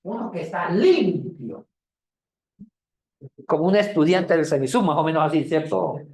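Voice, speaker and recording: A woman teaching a Bible class, lively, calling on students by name and joking as she explains. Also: sits low, measured pace, recorded from a distance. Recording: echoey classroom.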